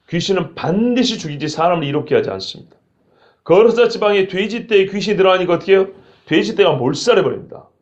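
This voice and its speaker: A male pastor preaching an expository sermon, acting out quoted lines with sudden shouts. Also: high voice, dull audio.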